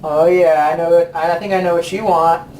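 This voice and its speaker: A man's voice: a little high, steady tone, brisk, a little mellow, slight background noise, lightly acted. A man voicing a laid-back male dragon king who talks like a slangy bro. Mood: chummy. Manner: slangy and persuasive, lots of "like". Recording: roomy sound from a distant mic.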